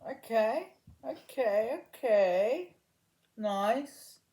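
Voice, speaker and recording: Hesitant, slow-speaking woman interviewer. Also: fairly high pitch, lively intonation, mellow. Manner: hesitant, many ums and uhs before questions. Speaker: talk show host, interviewer. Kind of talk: casual interview questions. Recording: echoey room.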